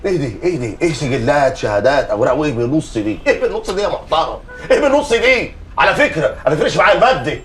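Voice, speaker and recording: A man's voice: on the high side, expressive, very fast, few pauses, slight background noise. An actor playing a daydreaming male registry clerk who is lovesick and easily flustered, speaking with an Egyptian accent. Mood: flustered indignant. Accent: Egyptian Arabic. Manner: wistful, then sputtering in comic outrage. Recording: roomy film audio with loud music.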